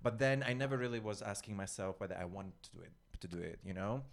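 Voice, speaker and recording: A young man from Ukraine, a guest on a casual radio chat, talking in a soft, hesitant and playful way. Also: lowish voice, fast, creaky.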